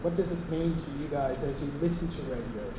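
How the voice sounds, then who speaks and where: Australian professor guy talking to a crowd, lots of ums, super echoey room. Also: a little high. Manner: measured, with frequent ums. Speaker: associate professor. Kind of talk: speaking to an open-house audience. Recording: very echoey hall with background noise.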